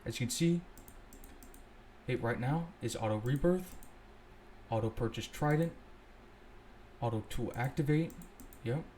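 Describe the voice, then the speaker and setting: A young man at his computer talks through code in a loose, thinking-out-loud way, pausing to correct himself. His voice sits at an ordinary pitch for a man. Faint noise and keyboard clicks run beneath it. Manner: relaxed, thinks aloud, self-correcting. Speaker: scripting tutorial host. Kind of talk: casual screen-recorded coding walkthrough.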